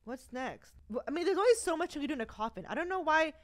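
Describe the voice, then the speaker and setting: High-voiced young woman narrating a game. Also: animated, quick pace. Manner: chatty, talks to viewers, laughs nervously. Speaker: gaming YouTuber. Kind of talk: let's play commentary.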